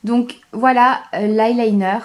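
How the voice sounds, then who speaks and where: A young woman talking through a makeup tutorial, enthusiastic, repeating words for emphasis and pausing with frequent hesitations. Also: a little high, steady tone. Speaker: beauty vlogger.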